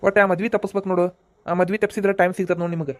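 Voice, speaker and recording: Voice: mid-range voice, level tone, lightly acted. A performer with a North Karnataka Kannada accent voicing a practical village friend in a cartoon, giving matter-of-fact advice. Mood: firm. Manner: advising, matter-of-fact, quick. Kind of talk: cartoon voice acting.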